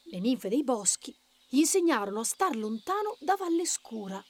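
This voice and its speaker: A woman reading a children's story aloud in a lively, expressive way, doing the characters' voices. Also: sits high, normal speed, no echo.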